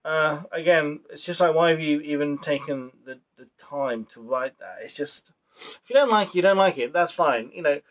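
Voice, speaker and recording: A man's voice: a little high, normal speed. A young man casually reviewing a show on his vlog, rambling with fillers and restarts. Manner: rambling, many fillers and restarts, laughs at his own jokes. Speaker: vlogger reviewing a TV series.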